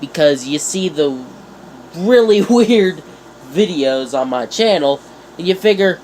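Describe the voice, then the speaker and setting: This young YouTuber's fairly high, somewhat dark voice moves slowly but with lively intonation, over a faint hiss or hum. Blocked up with a cold, he rambles through casual vlog talk, joking with viewers and adding self-mocking asides.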